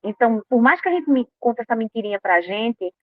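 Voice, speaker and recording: A woman giving an informal talk on emotional health to a live audience, animated and acting out quoted inner voices. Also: on the high side, fairly quick, dry recording. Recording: dry, tinny phone-like sound.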